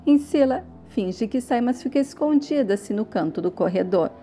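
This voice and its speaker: A woman's voice: a little high, lively intonation, normal speed, warm tone, a little hiss or hum. A woman casually recapping a soap opera, telling in turn who says what. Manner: plain storytelling, repeating who says what.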